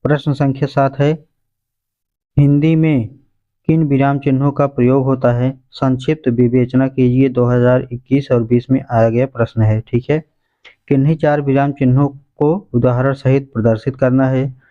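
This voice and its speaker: A man's voice: mid-range voice, little pitch movement, moderate pace, highs cut off. A male teacher going through exam questions and answers point by point, calling his listeners friends. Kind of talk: exam revision lesson.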